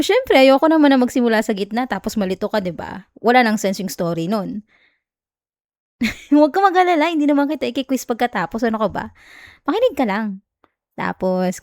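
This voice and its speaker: This Filipino-accented woman voices a clingy, teasing young wife comforting her partner, giving bedtime chat and reading a story in an intimate ASMR roleplay. Her fairly high voice stays soft, giggly, affectionate and coaxing. She's recorded on a close mic with a dry sound and no room tone.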